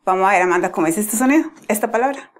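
A woman's voice: medium pitch, animated, rapid-fire. A young woman giving a casual pronunciation lesson, explaining patiently step by step with frequent restarts. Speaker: pronunciation teacher.

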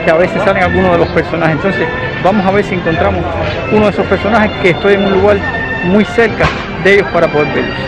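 A man's voice: high voice, steady tone, quick pace, rough recording. A man vlogging outdoors in a theme park while speaking through a face mask, chatty and keeps addressing his viewers as friends. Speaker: travel vlogger. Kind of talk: casual vlog narration. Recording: music clearly audible behind.

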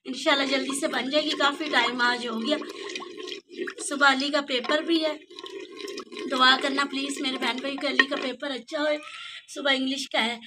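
A Pakistani woman with a high voice and a Pakistani Urdu accent records a cooking vlog at her outdoor clay stove, standing somewhat far from the phone while food sizzles loudly. She narrates casually in a chatty, homely way and pleads with viewers to subscribe.

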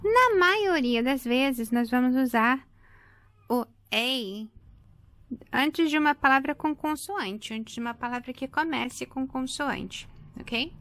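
A woman's voice: sits high, expressive, slow pace, a bit bright, no room sound. A woman, explaining an English grammar lesson and repeating example words patiently for her students. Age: 30s. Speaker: English teacher.

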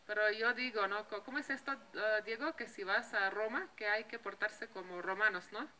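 A young Slovenian woman vlogs casually to camera in a Slovenian accent, chatty and full of fillers and little tag questions. Her medium-pitched voice moves at a normal pace and sounds pushed and bright, though the recording is rough with slight background noise.

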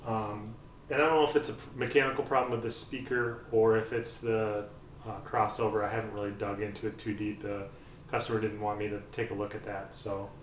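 A middle-aged man casually reviews audio gear in a small room with speakers, thinking aloud with many ums and uhs. His lowish voice is fairly quick with little pitch movement. A far camera on a tripod picks up roomy sound with a little hiss or hum.

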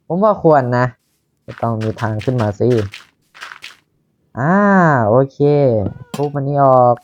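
Slow-talking Thai man, lo-fi. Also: mid-range voice, darkish tone, a little hiss or hum. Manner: slow, chatty, talking to himself while building. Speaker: Minecraft YouTuber. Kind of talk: casual gameplay commentary.

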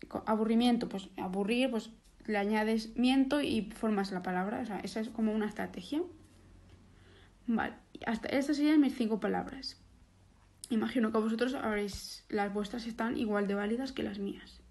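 A woman's voice: fairly high pitch, a little mellow. A young woman teaching a recorded online lesson, explaining step by step with restarts and fillers.

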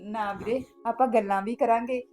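A woman's voice: fairly high pitch, fairly even intonation, normal speed, darkish tone, faint music behind, close to an everyday voice. An actress playing a young married woman who tearfully pleads with her brother and sister-in-law. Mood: insistent. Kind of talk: village drama acting.

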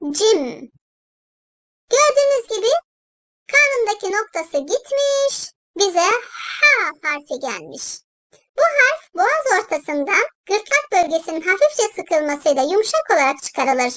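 Very high, slow child-like teaching voice. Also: very animated, bright, forceful tone, no echo. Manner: patient, explains each letter step by step; addresses listeners as friends. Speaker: Quran letters teacher. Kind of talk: slow children's lesson narration.

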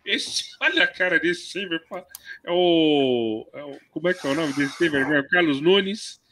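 A man hosting a casual live stream on a video call, reading out viewer comments and excitedly hyping a lineup. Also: fairly high pitch, normal speed. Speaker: host. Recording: crowd noise behind the voice.

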